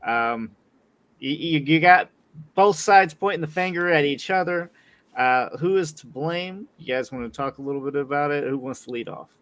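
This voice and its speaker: A man hosting a boxing talk show, relaxed and casual, trailing off low at the ends of his phrases. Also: moderate pace. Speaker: podcast host. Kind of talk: casual chat.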